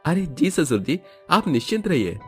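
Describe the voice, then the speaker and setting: A man's voice: a little high, big pitch swings, normal speed, soft background music, pitched above the performer's own voice. A man voicing a young husband, raising his voice above his own. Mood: polite. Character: young husband, polite then drunk and angry.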